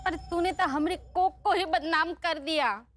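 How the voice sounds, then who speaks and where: A woman's voice: very high-pitched, a little slow, over music. An actress playing a blunt older mother who scolds sternly. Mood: scolding. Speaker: sitcom character. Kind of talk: sitcom acting.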